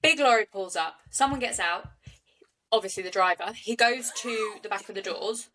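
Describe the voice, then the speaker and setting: A young South East London woman with a local accent co-hosts a true-crime podcast, relaying the story in a chatty, joking manner. Her medium-pitched voice is bright and forceful at a normal pace. She sits far from the mic, and the audio is poor.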